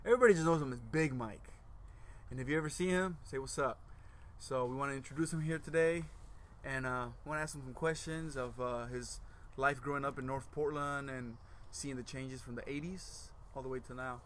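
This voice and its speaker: A man's voice: mid-range voice, steady tone, normal speed, few pauses, a bit bright, a little hiss or hum. A man hosting a casual podcast from a backyard, chatting in an informal, slangy, joking way. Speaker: podcast host. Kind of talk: casual chat. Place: backyard of a house, outdoors.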